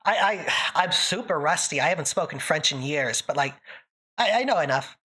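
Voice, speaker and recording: Her voice is deep, animated, and fairly bright with a breathy edge, at a moderate pace. She's a woman from northern Canada hosting a livestream, chatting casually with viewers and answering them in a thick, put-on-sounding accent, with frequent jokes and laughter.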